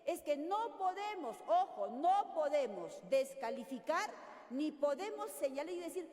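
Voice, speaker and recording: An older woman from Peru leading a teacher workshop, lively and constantly checking in with her audience. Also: high-pitched, unhurried. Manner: animated, questioning audience often. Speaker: teacher trainer. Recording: echoey hall.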